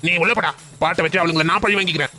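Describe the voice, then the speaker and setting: A brash, mocking drunk father in a cartoon family drama, as a man plays him, talking very fast in a raised voice. He sounds defiant and boastful, and light music plays behind him. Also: a little high, fairly even intonation, pushed and bright.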